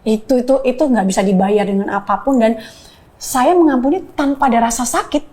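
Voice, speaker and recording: A woman's voice: on the high side, brisk, warm tone. A woman sharing a personal faith testimony in earnest storytelling, slipping English phrases into her speech.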